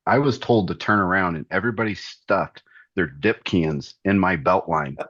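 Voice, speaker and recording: A man's voice: deep voice, moderate pace, a bit bright, husky, dry recording, highs cut off. A middle-aged man in casual chat, telling stories in a joking, self-mocking way.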